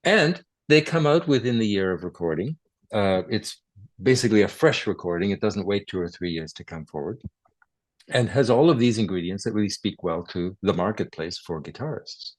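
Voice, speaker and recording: Older man, low voice, dry close sound, chatty storyteller, relaxed interview. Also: normal speed, no room sound. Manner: chatty storyteller, chuckles, self-corrects. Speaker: guest, guitarist and recording producer. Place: his home.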